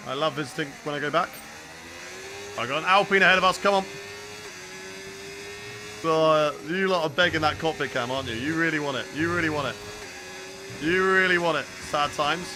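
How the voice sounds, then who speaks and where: Fairly high-pitched and fairly quick, with long pauses, a young British man streams a racing game, chatting casually, reacting aloud and answering viewers live. Racing game engine noise sounds clearly behind him.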